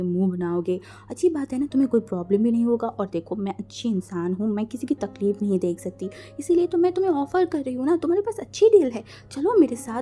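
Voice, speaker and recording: A woman voicing a teasing young man, dark-toned. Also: mid-range voice, lightly acted. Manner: playful, cajoling, rising to eager pleading.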